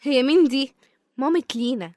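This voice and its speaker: A woman's voice: high voice, a little fast, mellow, a little hiss or hum, natural voice. A woman with an Egyptian accent playing a young daughter who is protective of her father in a radio serial. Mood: suspicious, indignant. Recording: faint music behind the voice.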